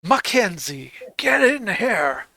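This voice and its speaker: A man voicing a gruff, impatient senior police constable barking orders in a tabletop game. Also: on the high side, animated, a little slow, a bit bright, dry recording, pitched above the performer's own voice.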